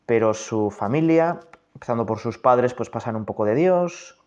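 A man's voice: medium pitch, expressive, normal speed, a little mellow, dull audio. A man leading a prayer meditation, reading scripture and speaking directly and reflectively to the listener.

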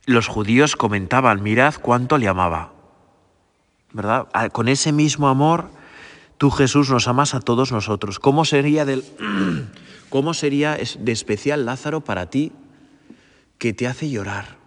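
A man's voice: mid-range voice, lively intonation, moderate pace. Prayerful man preaching in a reverberant church. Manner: gentle, repetitive, prayerful, often asking "¿verdad?". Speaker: priest. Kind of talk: meditative sermon.

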